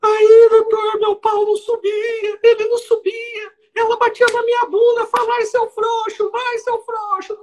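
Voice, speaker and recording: A man voicing a desperate accused man, crying and confessing in a shrill, shouting wail. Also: level tone, normal speed, few pauses, rough recording. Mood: sobbing. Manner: high-pitched wailing, shouting out.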